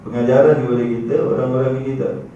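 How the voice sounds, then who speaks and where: A man giving a religious lecture, telling anecdotes in a lively way with frequent chuckles and asides to the audience. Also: medium pitch, fast talker, a little hiss or hum. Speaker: religious teacher. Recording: echoey, distant, dull room recording.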